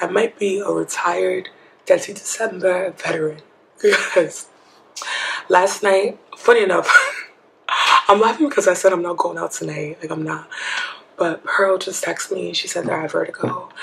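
A young woman vlogging casually to camera, hoarse and half-whispering with her voice nearly gone, chatty and laughing at herself. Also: lowish voice, a little hiss or hum. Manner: chatty, laughing, self-mocking. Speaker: travel vlogger. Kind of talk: casual vlog talk to camera.

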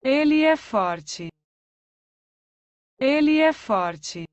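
A woman's voice: sits high, lively intonation, very slow, no room sound, lo-fi sound. A woman reading short phrases for a language lesson, saying each one twice with careful pronunciation. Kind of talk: slow repeated phrase reading.

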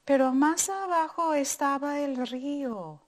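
A woman teacher reading a storybook to children, expressive and asking them questions as she goes. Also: high-pitched, takes it slowly. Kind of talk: storybook read-aloud for children.

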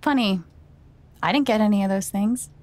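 A woman's voice: medium pitch, normal speed, darkish tone, no echo, close to an everyday voice. An actress playing a young woman who talks in a dry, sarcastic way. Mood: wry. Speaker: main character.

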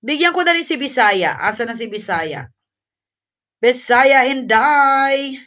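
High bright woman host on a live stream, kinda out of breath, chatty, a bit away from the mic. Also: sing-song, brisk, far from the mic. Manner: chatty, thanking viewers and giving gifts; mixes English into Tagalog. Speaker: livestream host. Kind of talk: casual livestream chat.

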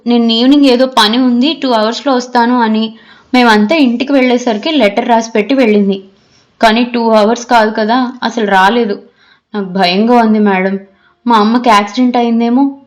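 A woman's voice: a little high, steady tone, moderate pace, close to an everyday voice. A woman voicing a frightened tearful college girl. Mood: fearful. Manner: sobbing, fearful, pleading. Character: frightened tearful young female college student.

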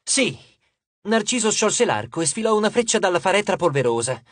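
A man narrating an audiobook with a lively, expressive reading. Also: high voice, fast, dry recording. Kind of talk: scripted narration.

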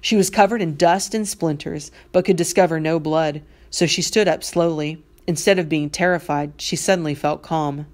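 A woman teacher reading a novel aloud to her class in a measured, expressive way. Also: low-pitched.

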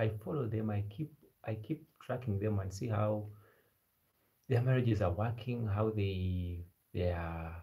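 Low-pitched young man, Kenyan-sounding East African accent. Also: darkish tone. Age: 20s. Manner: halting, repeats phrases. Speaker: live stream host. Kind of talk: casual live chat with viewers. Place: small bedroom indoors. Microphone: phone at arm's length.

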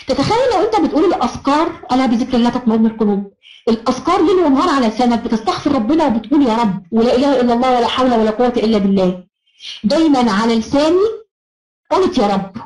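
A woman's voice: sits high, darkish tone, roomy sound, rough recording. A woman with an Egyptian Arabic accent giving an encouraging online self-help lecture, praising her students as she goes.

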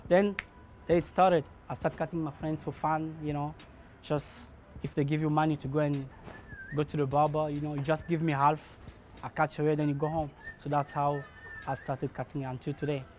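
A man in his thirties from Congo talks through how he became a barber, earnest and unhurried. His voice sits slightly on the high side for a man. Soft music plays faintly beneath him. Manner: earnest, measured, acts out remembered dialogue. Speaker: barber and shop owner. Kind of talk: documentary interview, personal story.

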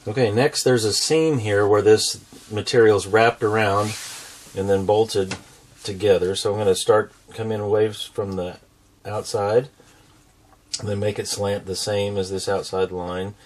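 In his forties and American, this drawing instructor hosts a tutorial and walks through each step with simple, patient explanations. He speaks at a measured pace in a steady, lowish voice.

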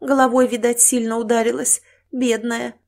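A kind older countrywoman frets and weeps, her voice lifting high with worry, as a woman narrator plays her. It is an audiobook reading. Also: level tone, normal speed, vocal fry, darkish tone. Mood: worried. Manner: fretting, tearful exclamations.

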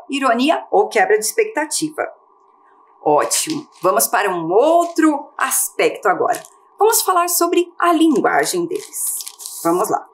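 A Brazilian woman teaching a children's lesson on TV, her fairly high voice rising and falling a lot. She is patient and asks her pupils questions, then answers them herself. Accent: Brazilian Portuguese. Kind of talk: televised primary-school lesson.

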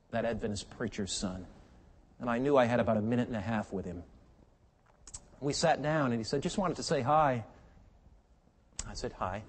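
Older male pastor, sermon delivery, loud emphatic peaks and hushed storytelling, long reverb off a big hall. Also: mid-range voice. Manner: impassioned preaching that swings from loud emphatic peaks to quiet storytelling.

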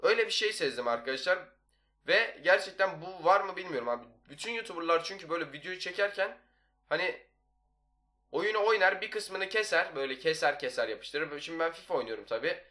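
A young man hosts a gaming video in a casual, talkative way. His voice sits a little high for a man and has a bright, forceful edge. He keeps up a running commentary as he plays. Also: lively intonation, fairly quick. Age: young adult. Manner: chatty, talks nonstop. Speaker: YouTuber, gaming video host. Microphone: desktop microphone.

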